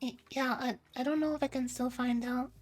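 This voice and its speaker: Hesitant high-voiced woman streamer. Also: fairly even intonation, a little fast, a little mellow, faint music behind. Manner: hesitant, stuttering starts. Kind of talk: in-character game roleplay.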